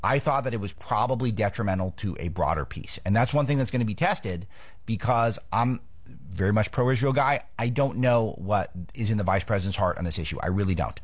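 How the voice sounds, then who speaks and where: A man's voice: fairly low pitch, expressive, a little fast, no room sound. A man from Los Angeles hosting a political commentary show, talking off the cuff with frequent restarts. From Los Angeles, United States.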